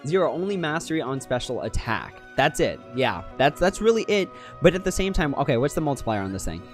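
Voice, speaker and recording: A man with a slightly high voice talks into a livestream headset mic, picking apart game numbers out loud in a critical, analytical way. Faint music plays underneath. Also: sing-song, fairly quick. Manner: analytical, critical, thinking aloud. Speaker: mobile game streamer. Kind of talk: casual livestream commentary.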